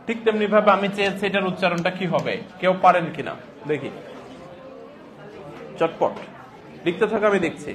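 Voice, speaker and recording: A man's voice: high voice, expressive, normal speed, pauses often, a bit bright, a faint crowd. A man teaching a classroom lesson, posing questions and answering them himself, with the odd joke. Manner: explains by asking and answering his own questions, joking. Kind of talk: classroom lecture.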